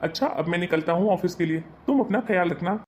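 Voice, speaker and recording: A woman's voice: on the low side, lively intonation, fast, a little mellow, slight background noise, pitched below the performer's own voice, lightly acted. A woman voicing a flustered husband who backpedals nervously while heading out. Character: flustered husband hurrying off to work.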